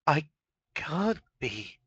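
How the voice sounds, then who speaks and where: Man doing a distraught pony princess, shrill wailing, much higher than his own voice. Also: very animated, extremely slow, fairly bright tone, breathy edge, no room sound, muffled recording, heavily acted. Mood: despairing. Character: distraught young princess pony mare, furious, tearful.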